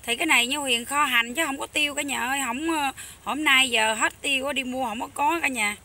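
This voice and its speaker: A young woman with a Southern Vietnamese Mekong Delta accent, chatting loudly and eagerly to viewers while she cooks in a rural hut kitchen. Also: high voice, a little fast. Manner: loud, chatty, enthusiastic, talks over noisy kids. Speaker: cooking vlogger. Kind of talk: casual cooking vlog chat.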